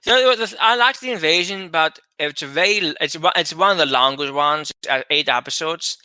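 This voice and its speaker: Chatty male co-host with a very bright, keen tone and a dry, close sound. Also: a little high, normal speed, smooth, no room sound. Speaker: podcast co-host. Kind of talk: casual chat.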